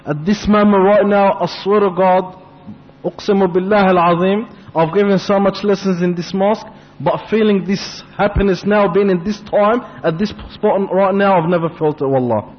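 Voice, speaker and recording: Man preaching in mosque hall, fervent, fairly high voice, long reverb. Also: brisk, lo-fi sound. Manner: fervent, rising to impassioned pleading. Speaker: imam giving a mosque talk. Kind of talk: sermon.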